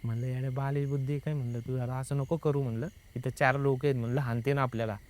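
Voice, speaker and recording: Fast and chatty, a young man sitting as a guest recounts his own ghost experience, his voice at a typical male pitch. He slips into the voices of the people involved and marks line after line with "I said," keeping the telling lively.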